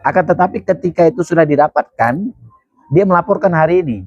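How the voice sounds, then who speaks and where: A man's voice: on the high side, fast talker, a little mellow, dry recording, faint music behind. Male legal expert, emphatic explainer in an interview, dry and slightly muffled lo-fi sound. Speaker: criminal law expert. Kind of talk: interview answers explaining law.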